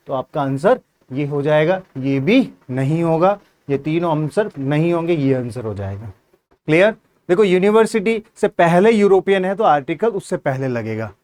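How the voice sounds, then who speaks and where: The voice is a man's, high yet a bit mellow, carrying a Hindi accent. He explains grammar for an exam in careful steps, asking questions and supplying the answers himself.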